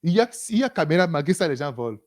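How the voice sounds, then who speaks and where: A preacher giving an animated sermon, breaking it up with frequent hallelujahs and acted-out exchanges. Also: mid-range voice, very fast. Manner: animated, repeats "Alléluia", acts out dialogues.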